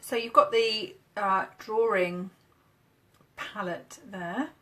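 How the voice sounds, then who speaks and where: A woman's voice: medium pitch, slow, pushed and bright. A woman from the UK, a marketing coach, chatting upbeat and casual on a live stream while demoing on screen. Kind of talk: casual Facebook Live chat.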